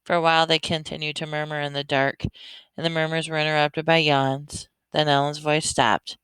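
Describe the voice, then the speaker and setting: A woman reading a children's novel aloud in a steady manner, now and then correcting herself. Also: deep voice, moderate pace, smooth, no room sound, low-quality recording. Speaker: reader.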